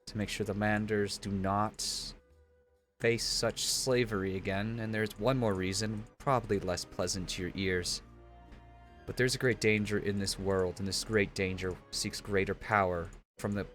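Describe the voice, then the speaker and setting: A man's voice: on the low side, fairly even intonation, unhurried, fairly bright tone, faint music behind. A man playing Daong, an earnest frog envoy.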